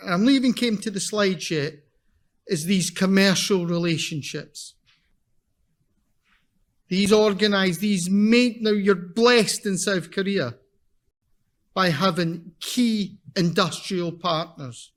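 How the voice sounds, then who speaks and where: A man with a broad Scottish accent giving a conference presentation in a blunt, emphatic, deliberate manner, repeating his key points. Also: high-pitched. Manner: slow, deliberate delivery for non-native listeners. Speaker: invited seminar speaker.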